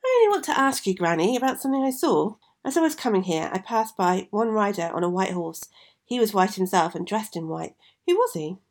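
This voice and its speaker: A frightened young girl who speaks with careful respect to her elders, as a woman narrator puts her on. Her voice is raised well above the narrator's low voice. She stays timid throughout. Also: expressive, a little fast.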